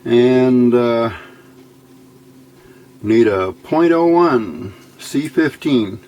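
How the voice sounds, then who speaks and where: A very slow, darkish, medium-pitched voice belongs to an electronics hobbyist hosting his channel. Working at an indoor workbench, he mutters to himself through a casual build tutorial with no script.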